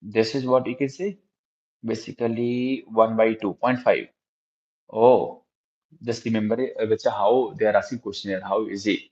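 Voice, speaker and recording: A man with an Indian accent teaches a live online physics lesson, speaking in a lowish, steady, slightly mellow voice at a normal speed. He often repeats phrases and questions and addresses his students in a familiar way. His microphone sounds dull and lo-fi.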